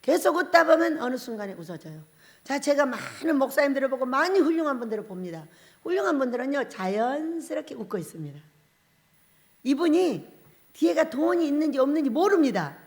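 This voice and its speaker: Preaching a revival sermon briskly and in a high pitch, this woman pastor is lively throughout. Frequent laughter punctuates the questions she asks her listeners.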